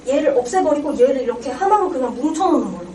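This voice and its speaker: A woman's voice: high voice, lively intonation, fast talker, warm tone. A young woman giving an exam-prep reading lecture, quizzing her students and answering her own questions. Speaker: Korean reading tutor. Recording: roomy, distant mic with clear background noise.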